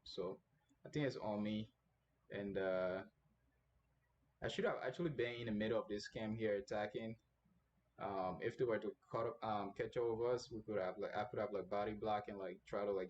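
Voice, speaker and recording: A young man talks through his match in a loose, rambling way, full of ums and uhs. His voice sits fairly low. A faint hiss of noise runs under the recording. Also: lo-fi sound. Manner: rambling, filler-heavy, thinking aloud. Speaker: gameplay commentator. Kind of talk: casual gameplay commentary.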